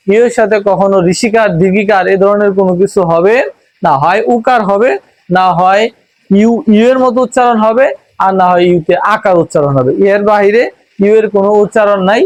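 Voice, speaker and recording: A man with a Bangladeshi accent teaching English reading in a phonics lesson, patiently spelling out letters and sounds. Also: sits high. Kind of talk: Bengali-language phonics lesson.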